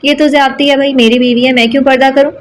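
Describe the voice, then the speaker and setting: Woman narrator plays a remorseful young husband in a storybook reading, earnest and coaxing, a bit high. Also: fairly even intonation, a little hiss or hum, natural voice. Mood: pleading.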